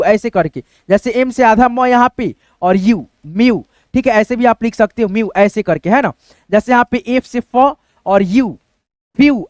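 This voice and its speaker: High, clear-voiced man teaching spelling. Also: dry recording, clean studio sound. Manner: spells letter by letter, often adds "friends" and "right?". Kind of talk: online spelling and pronunciation lesson.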